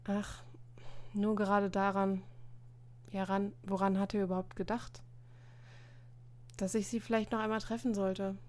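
A woman's voice: mid-range voice, little pitch movement, unhurried, pauses often, a little mellow, lightly acted. A woman voicing an exasperated teenage schoolboy who answers in annoyed, defensive retorts. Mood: irritated.

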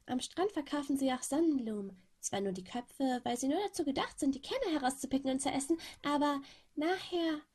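A woman voicing an overexcited Polish teenage boy who rambles on and on, with a slightly husky voice. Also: high-pitched, brisk, a little mellow, pitched above the performer's own voice, close to an everyday voice. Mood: rambling.

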